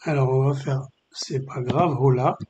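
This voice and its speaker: A man presenting a screen-recorded software tutorial, explaining step by step with frequent filler pauses. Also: medium pitch, fairly even intonation, lo-fi sound, background noise. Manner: hesitant, many filler pauses.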